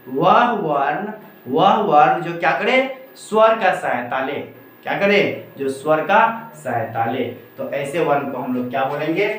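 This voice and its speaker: A man's voice: fairly high pitch, slight background noise. A man teaching a Hindi grammar lesson, from Bihar, asking questions and answering them himself, again and again. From Bihar, India. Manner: repetitive call-and-response questioning. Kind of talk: classroom-style lesson. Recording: very echoey room, mic far off.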